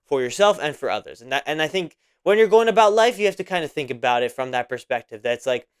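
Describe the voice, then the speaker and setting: Talking very quickly and with plenty of animation, a podcast host in his twenties rambles through a casual solo monologue full of fillers and repetition. His clear, resonant voice is fairly high-pitched.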